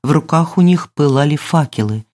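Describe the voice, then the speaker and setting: Female storyteller: low, mellow voice, measured expressive audiobook reading. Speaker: audiobook narrator. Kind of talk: scripted storybook narration.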